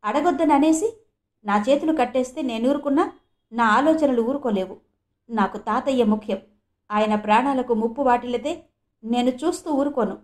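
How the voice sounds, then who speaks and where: A woman's voice: a little high, normal speed, long pauses, a little mellow, close to an everyday voice. A woman voicing a fiery young woman who speaks urgently and pleads in a storybook reading.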